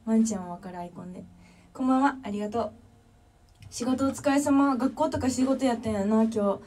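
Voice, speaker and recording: A woman's voice: a little high, fairly quick, dark tone. Chatty young Kansai woman, distant mic. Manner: chatty and friendly, thanking viewers one by one. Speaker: drummer livestreamer. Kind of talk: casual livestream chat reading comments.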